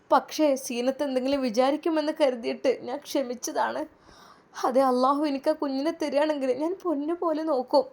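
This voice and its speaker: A woman voicing a caring young wife, Bathul. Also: high voice. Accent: Malappuram Malayalam. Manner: warm, reassuring. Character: kind devoted young wife.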